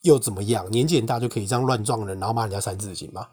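A young man with a Taiwanese Mandarin accent, hosting a podcast and telling a personal faith story in an indignant, animated way. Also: fairly low pitch, racing, husky. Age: young adult. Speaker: podcast host. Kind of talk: casual personal testimony monologue.

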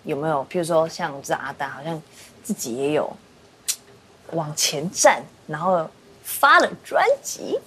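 Expressive woman co-host. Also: low voice, normal speed, slight background noise. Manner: expressive, playful. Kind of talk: casual studio chat.

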